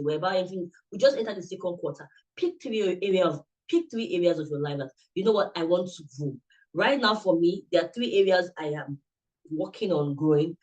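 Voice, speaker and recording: A man whose voice sits high, heard in a rough recording, presents at an online summit via a computer mic on a video call. His motivational talk is earnest and repetitive, coaching the listener directly.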